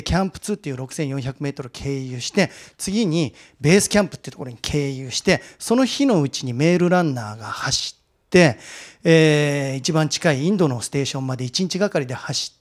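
A man's voice: on the high side, expressive, fast talker. A man giving a talk to a live audience, telling an anecdote in a chatty way and polling the listeners by show of hands. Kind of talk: animated storytelling lecture.

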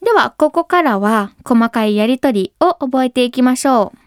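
A woman teaching English pronunciation, speaking clearly and patiently and modeling words slowly. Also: sits high, animated, no echo, clean studio sound. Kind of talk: pronunciation lesson.

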